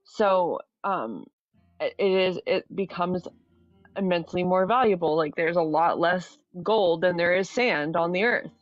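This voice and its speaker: A woman's voice: lowish voice, unhurried, no echo. A woman in a casual debate, explaining her point step by step and checking that the listener follows. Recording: dull, dry audio, music behind.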